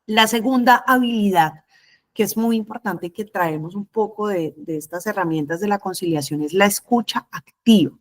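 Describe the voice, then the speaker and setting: A middle-aged woman of medium pitch lectures to a group of trainee conciliators. She explains things in a measured way, going through a list of points one after another.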